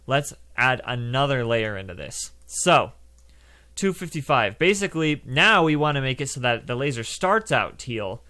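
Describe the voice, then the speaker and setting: A man's voice: medium pitch, sing-song, moderate pace, sharp tone. Young man, casual coding tutorial, chatty and loose, keyboard clicks behind. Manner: loose and chatty, lots of fillers, plays laser noises. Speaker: game development tutorial host.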